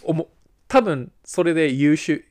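Teasing man with a lively voice. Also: on the high side, measured pace. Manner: relaxed, teasing, drops into English. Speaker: podcast co-host. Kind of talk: casual podcast chat.

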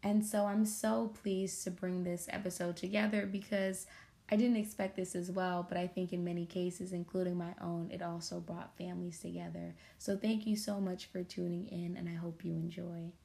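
A woman hosts a podcast and introduces the episode in a measured, thoughtful way. Her voice is heavily gravelly with strong vocal fry and a dark, mellow tone. It sits slightly low in pitch. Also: level tone. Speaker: podcast host.

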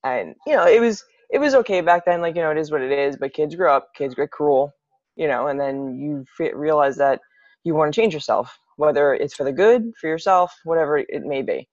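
A young adult woman who works as a city EMT and fitness coach chats casually on a podcast, often restarting her sentences. Her deep voice is a little mellow, with lively intonation and a brisk pace. The recording is dull, lo-fi, and dry.

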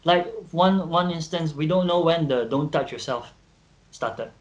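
A man's voice: on the high side, unhurried, dull audio. A man, co-hosting a podcast in playful, irreverent chat and acting out quoted voices. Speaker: podcast co-host. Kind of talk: joking casual chat.

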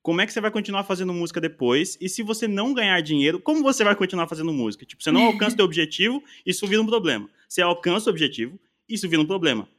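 A man's voice: sits high, expressive, racing, hardly any pauses, a bit bright. A man in casual conversation, talking reflectively and rambling with lots of slang fillers. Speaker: musician and podcast guest.

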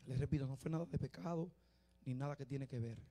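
A man preaching a sermon, dropping to quiet confiding talk and rising to loud shouted exhortation. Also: medium pitch, fast talker.

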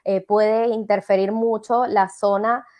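A Venezuelan woman with a Venezuelan accent appears as a life coach guest in an interview conversation, explaining her ideas with frequent fillers and tag questions. Her mid-range voice is darkish in tone, unhurried and shows little pitch movement.

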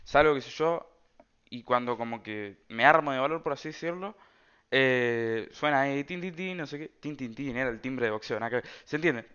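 Argentine dude rambling thru a story, slangy and full of fillers, smooth clear voice, kinda muffled lo-fi sound. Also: male voice, medium pitch, normal speed, fairly bright tone. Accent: Argentine Rioplatense Spanish. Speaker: storyteller vlogger. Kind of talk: casual storytime monologue.

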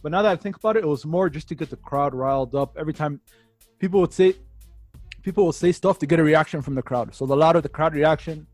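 Fast-talking man in animated chat. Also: a little high, no room sound, soft background music. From Canada. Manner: fast, animated storytelling with frequent "you know what I mean". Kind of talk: casual group chat.

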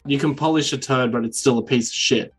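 A man's voice: medium pitch, fast talker, over loud music. A man co-hosting a film podcast in casual chat, rambling and swearing, acting out the people he quotes. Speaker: podcast co-host.

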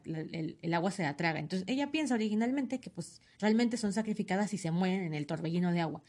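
Chatty woman host, opinionated, casual comic-review talk, mid pitch. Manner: chatty, opinionated, animated asides. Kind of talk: casual chat.

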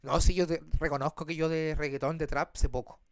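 A man with a Chilean accent, co-hosting a casual chat and telling a story in an animated, slangy way. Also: a little fast, crowd noise. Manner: animated, slangy, acts out quotes in a high voice. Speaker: podcast co-host.

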